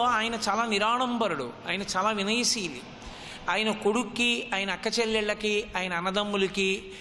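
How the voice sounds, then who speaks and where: Bright, high-voiced man preaching in a hall. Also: slight background noise. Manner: animated storytelling, quotes Sanskrit verses, rhetorical questions. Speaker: religious discourse speaker. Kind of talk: devotional sermon. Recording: long hall reverb.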